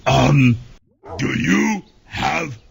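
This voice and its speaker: A man voicing a childlike, simple-minded furry monster obsessed with cookies, growly, with broken grammar and drawn-out exclamations, in a video game roleplay. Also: on the high side, expressive, a crowd in the background, heavily acted. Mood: insistent, pleading. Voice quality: gravelly, growly.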